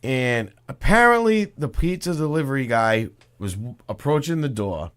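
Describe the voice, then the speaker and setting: Lively, animated podcast guy. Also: mid-range voice, normal speed, clear, resonant tone. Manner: animated storyteller, laughs often. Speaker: podcast co-host. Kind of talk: casual chat.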